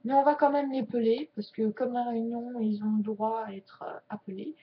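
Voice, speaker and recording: Woman, fairly high voice, casual chat to camera, joking and chatty, slow deliberate words, dull lo-fi recording. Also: fairly even intonation. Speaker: YouTuber teaching sign language. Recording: dull lo-fi sound.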